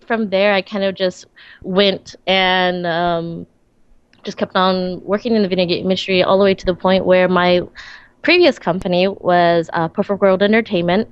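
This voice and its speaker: A woman's voice: fairly low pitch, clean tone, no room sound. Giggly woman calling into a show. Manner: giggly, rambling with many fillers. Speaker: caller. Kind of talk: casual chat on a phone-in. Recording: dull lo-fi call line.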